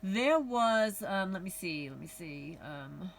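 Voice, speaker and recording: A woman's voice: lowish voice, animated, slow pace, gravelly, far from the mic, slight background noise, rough recording. Chatty Kentucky woman vlogging. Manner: chatty, rambling, many ums and restarts. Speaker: homesteading channel vlogger. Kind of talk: casual vlog talk to viewers.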